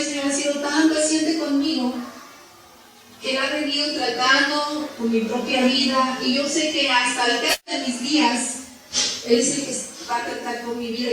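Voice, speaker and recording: A woman preaching a sermon, telling a story in a conversational way with many rhetorical questions. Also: sits high. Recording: echoey room from far off the mic.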